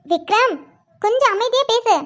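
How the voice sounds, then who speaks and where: A woman voicing a calm, caring young sister-in-law in a cartoon, speaking in a soothing, reassuring way. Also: very high voice, normal speed. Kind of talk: cartoon voice acting.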